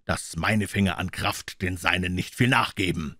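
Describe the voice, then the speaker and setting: A male reader voicing a calm, polite detective who stays unruffled and reasons things through. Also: low voice, moderate pace, dry recording, clean studio sound. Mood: wry.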